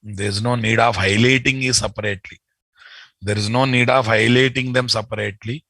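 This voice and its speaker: A man's voice: lowish voice, fairly even intonation, a little fast, pushed and bright, no room sound. A middle-aged man with an Indian Telugu accent, teaching an informal live online lesson as an instructor, repeating his phrases and addressing learners familiarly. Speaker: software instructor. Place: indoor room, video call.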